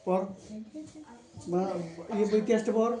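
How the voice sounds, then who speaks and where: A woman's voice: mid-range voice, fairly even intonation, unhurried, crowd noise. A stern woman tutoring a child, drilling spellings over and over and scolding. Her voice rings in an echoey room with children chattering behind her. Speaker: home tutor.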